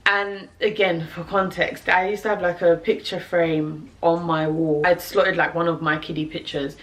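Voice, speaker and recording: A young British woman telling a personal story to camera, animated and laughing, with lots of fillers. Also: fairly low pitch, normal speed. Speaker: vlogger.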